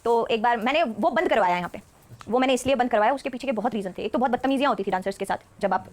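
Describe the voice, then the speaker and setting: Woman, stage performer as guest, very quick talker, laughs easily. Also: fairly high pitch. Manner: animated storyteller who often laughs mid-sentence. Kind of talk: casual storytelling interview.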